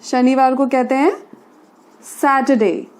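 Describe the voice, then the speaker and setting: Her voice is high, darkish, and fairly even as she teaches English vocabulary in Hindi. She works slowly and patiently, repeating words, spelling them letter by letter, and returning to "theek hai" often.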